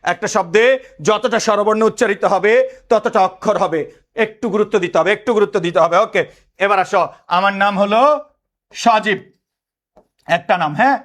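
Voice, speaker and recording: A man's voice: high-pitched, moderate pace, long pauses, a bit bright. A man gives a lecture. He keeps asking his students questions and repeating the answers. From Bangladesh. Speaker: teacher.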